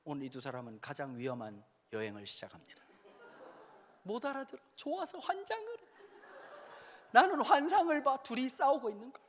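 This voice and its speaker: A male pastor in his fifties delivers a lively, joking sermon with a high, bright voice that swoops widely in pitch. He bursts into loud acted-out lines now and then, and the sound rings with the long reverb of a large church hall. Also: fairly quick, pauses often. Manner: animated, jokey preaching with sudden shouted acted quotes.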